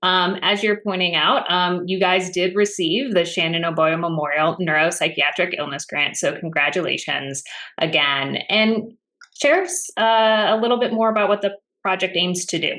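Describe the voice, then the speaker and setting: A woman in her thirties hosts a podcast over a webcam from a room at home, her voice sitting a little low. She introduces guests and asks questions in a friendly, upbeat way. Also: moderate pace, pushed and bright. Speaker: podcast host. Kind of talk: podcast interview hosting. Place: home room with framed pictures, indoors. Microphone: video call webcam.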